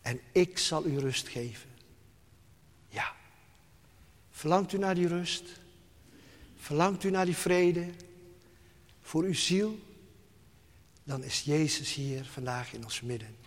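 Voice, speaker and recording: Slow, emphatic preacher in a hall. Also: male voice, fairly high pitch, expressive. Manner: slow, emphatic preaching with soft, hushed drops. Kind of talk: sermon.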